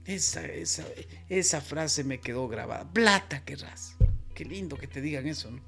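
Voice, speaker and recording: A man with an Ecuadorian accent telling a personal anecdote in a casual, animated way, often repeating words. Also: medium pitch, normal speed, gravelly, soft background music. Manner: animated, repeats words, voices the people in the story. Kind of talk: casual storytelling.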